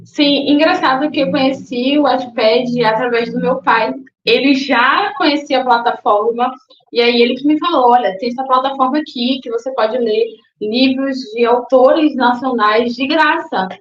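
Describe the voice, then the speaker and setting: A young woman from Salvador, Bahia, Brazil, a book influencer appearing as a guest, answers interview questions thoughtfully and with some hesitation. Her voice is high-pitched at a normal speed, and the recording is echoey, dull and lo-fi.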